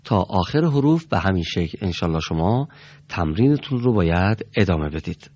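A low-voiced man leads a Quran reading class, patient and formally polite. He carefully says letter sounds aloud for his students to repeat. The recording is dull and lo-fi. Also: very animated, a little mellow. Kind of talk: classroom instruction.

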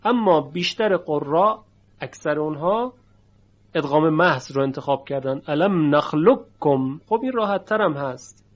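A man with a somewhat high voice gives a tajwid lesson. He explains patiently and stretches out example words to show each sound clearly. The recording is dull and lo-fi. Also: lively intonation. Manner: explanatory, drawn-out demonstration of sounds. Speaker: Quran recitation teacher.

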